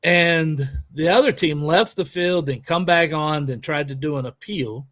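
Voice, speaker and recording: A man co-hosting a podcast, telling a story in a lively, emphatic way and acting out a heated argument. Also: fairly high pitch, a little slow, no room sound. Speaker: podcast co-host and youth baseball coach. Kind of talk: animated storytelling in casual chat.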